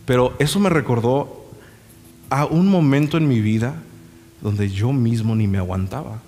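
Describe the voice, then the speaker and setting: A man's voice: medium pitch, moderate pace, dark tone. Impassioned preaching man in a reverberant hall. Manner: impassioned preaching mixed with folksy storytelling asides. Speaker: pastor. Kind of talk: sermon. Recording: reverberant hall with faint music.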